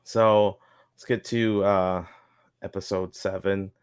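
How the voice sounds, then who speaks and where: Smooth low-voiced man, casual podcast host. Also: level tone, takes it slowly, no echo, clean studio sound. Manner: rambling, lots of fillers and chuckles. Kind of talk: casual recap chat.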